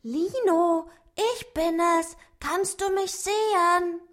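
Woman doing a tiny eager dwarf with a high voice. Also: sing-song, a little slow, fairly bright tone, heavily acted. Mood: calling out. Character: tiny kind helpful male dwarf.

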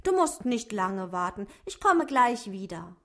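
A woman's voice: medium pitch, sing-song, a little slow. A woman voicing a young boy who speaks eagerly and kindly in a children's story.

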